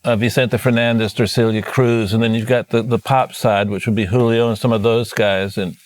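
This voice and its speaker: A man's voice: lowish voice, fairly even intonation, brisk, dry recording. A man from South Florida co-hosting a talk show, musing aloud and rambling with many fillers. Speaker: co-host.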